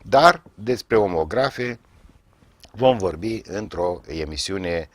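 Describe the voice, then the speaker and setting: A man teaching pronunciation on a TV program, reading word lists in a measured, didactic way with dry, wry asides and filler pauses. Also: low-pitched, animated, no echo. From Romania. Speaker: language teacher hosting a TV segment. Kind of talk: televised language lesson, reading word lists.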